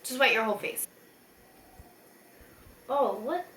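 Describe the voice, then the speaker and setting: Slow but animated, a woman with a fairly high, pushed, bright voice hosts a makeup tutorial after a few beers. She rambles casually, makes self-deprecating jokes, and swears mildly. The recording is from an echoey room at home with faint background noise.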